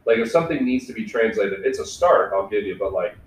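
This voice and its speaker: A young man hosts a casual podcast, speaking candidly and reflectively, swearing freely and using lots of filler words. His voice is fairly low, animated and fast, picked up from a distance in an echoey room.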